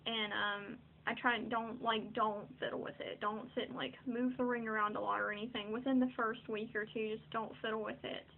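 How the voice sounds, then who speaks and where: Casual young female vlogger, slightly high voice, hesitant and rambling, narrow phone-like sound. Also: flat delivery, a little fast, vocal fry, hardly any pauses, a little hiss or hum. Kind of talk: casual chat to camera. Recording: muffled, phone-like narrow-band audio.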